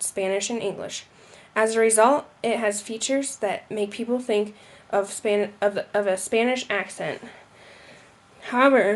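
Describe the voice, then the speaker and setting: A young woman reading a school presentation aloud, with occasional slips and restarts. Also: mid-range voice. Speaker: student presenter.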